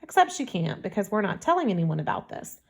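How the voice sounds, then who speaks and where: A woman's voice: mid-range voice, big pitch swings, fairly quick, vocal fry. A woman reading an anxious invisible teenage boy. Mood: urgent.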